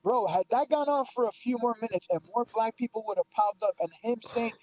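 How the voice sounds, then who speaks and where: High-voiced profane streamer telling a story. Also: male voice, fairly quick, rough recording. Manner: profane, animated, acts out quotes. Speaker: guest, streamer. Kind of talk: casual storytelling chat.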